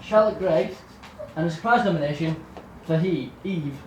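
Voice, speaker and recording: A man with a notably high voice reads out award nominees, giggling between them. He sounds distant in an echoey room, with clear background noise around him. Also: normal speed. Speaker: awards co-presenter. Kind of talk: reading out nominations.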